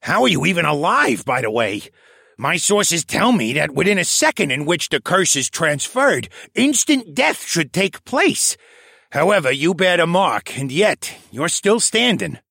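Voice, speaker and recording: A man voicing a shrewd, crafty old male koala archivist who talks in a knowing, animated way. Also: fairly high pitch, measured pace, gravelly, no echo, voice pushed up, heavily acted. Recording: dry close studio sound.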